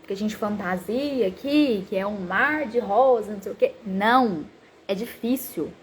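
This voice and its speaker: Woman in her thirties, psychologist talking about parenting, animated, acts out quotes, slight background noise. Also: medium pitch, a little slow. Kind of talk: talk on parenting.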